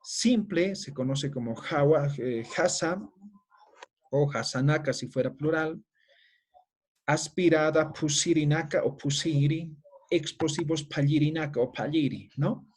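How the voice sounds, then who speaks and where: A middle-aged man lecturing in a patient, explanatory way, tagging short questions onto his sentences to keep the class with him. His voice sits a bit high for a man and has a husky edge. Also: a little mellow. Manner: explanatory, tag questions after each phrase. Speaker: language teacher.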